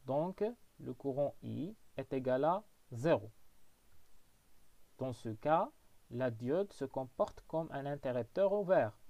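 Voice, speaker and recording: A physics teacher, giving a classroom lesson and explaining step by step, often saying "donc" and "voilà". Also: male voice, mid-range voice, warm tone, dry recording. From Morocco.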